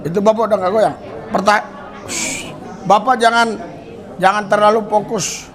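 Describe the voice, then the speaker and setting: A man acting as a faith healer who coaxes, commands and hushes people with repeated shushing during a healing prayer service. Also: sits high, steady tone, a little fast, some chatter behind. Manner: coaxing, commanding, hushing with repeated shh.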